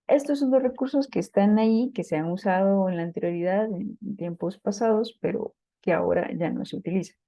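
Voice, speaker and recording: A woman's voice: mid-range voice, a little fast, vocal fry, few pauses, warm tone, dry recording. A woman teaching a lecture on Spanish verse, explaining patiently and often checking in with her students. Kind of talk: classroom lecture on poetry.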